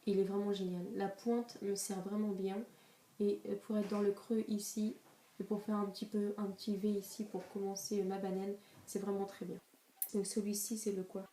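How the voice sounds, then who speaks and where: A woman's voice: mid-range voice, flat delivery, normal speed, mellow, recorded from a distance. A young woman vlogger talking casually through a makeup haul, hesitant, with many fillers and restarts, recorded on a camera mic in a room at home. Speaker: beauty vlogger. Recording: echoey room, voice a bit off-mic, faint noise.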